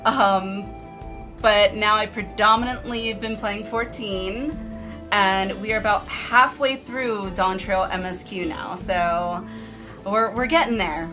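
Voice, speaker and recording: A woman live streamer chatting casually with her viewers in an informal, rambling, self-deprecating way. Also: mid-range voice. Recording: music behind the voice. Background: background music.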